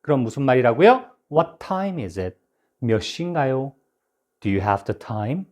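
A man teaching English phrases, saying his examples slowly and carefully and stumbling over his words now and then. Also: medium pitch, big pitch swings, darkish tone. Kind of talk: spoken English lesson.

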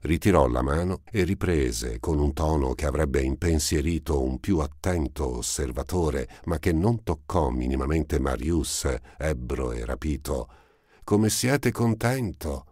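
Male audiobook narrator, very deep voice, dry close studio sound, measured read. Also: mellow, no echo. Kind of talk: scripted narration of a novel.

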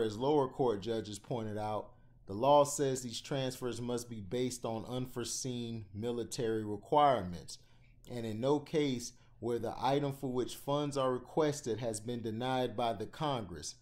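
A man reading a news article aloud for his channel, stumbling now and then and correcting himself. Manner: gets louder and higher when he starts giving his own opinion.

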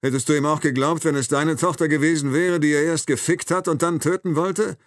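A man's voice: fairly high pitch, fairly even intonation, a little fast, no room sound, studio quality, voice pushed up, close to an everyday voice. A man reading an audiobook, voicing a cold, mocking male killer who taunts his captive with sarcasm. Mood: taunting.

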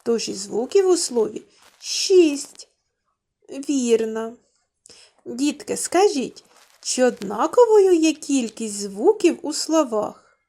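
A woman's voice: high-pitched, very animated, slow, warm tone. A woman teaching young children, drawing out words in a sing-song way and asking them questions. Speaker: kindergarten teacher. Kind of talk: slow, clearly enunciated lesson for young children.

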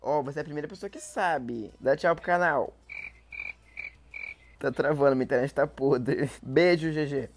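A young man, chatting excitably through a prank vlog into a phone held close, often on the edge of laughing. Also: a little high, normal speed, faint music behind. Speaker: YouTuber. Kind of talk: casual prank vlog narration.

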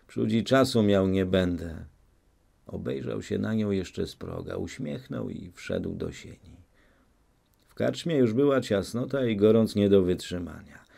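A man narrating a classic novel as an audiobook, in a steady, measured reading. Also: low voice, gravelly.

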